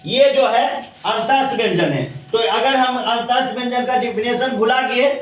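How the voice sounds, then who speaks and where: In a classroom grammar lesson, a male teacher keeps going over the same points and firing questions nonstop. He speaks at a moderate pace in a very high-pitched voice, sounding distant in an echoey room.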